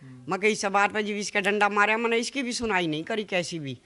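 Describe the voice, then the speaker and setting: A woman's voice: medium pitch, animated, bright, forceful tone. A woman with a Haryanvi accent, the mother of the man interviewed, pleadingly retelling a family fight in a local news interview. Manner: fast, pleading retelling with many quoted exchanges. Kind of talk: emotional interview account.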